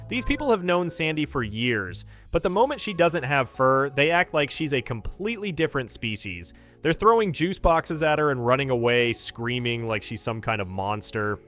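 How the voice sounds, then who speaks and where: Male narrator, scripted and sardonic, fairly high with a very animated delivery. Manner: sarcastic, incredulous commentary. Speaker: cartoon commentary narrator.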